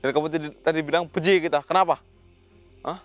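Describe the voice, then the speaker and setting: A man with a slightly high voice hosts a ghost-hunting vlog. He sternly questions an unseen spirit and breaks off to murmur Islamic prayers. Faint music plays underneath. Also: fairly even intonation, quick pace, no room sound. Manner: commanding, confronting an unseen spirit. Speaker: paranormal investigator host.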